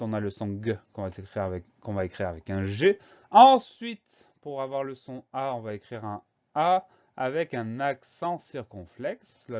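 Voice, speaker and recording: A man's voice: mid-range voice, darkish tone, highs cut off. Man patiently spelling out words. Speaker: teacher. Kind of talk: spelling lesson.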